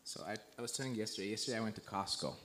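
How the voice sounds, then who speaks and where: Young male missionary from Romania, lowish voice, laid-back storyteller, faint hiss behind. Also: very fast. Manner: relaxed storytelling with frequent "like" and "you know". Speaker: guest missionary. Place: church sanctuary.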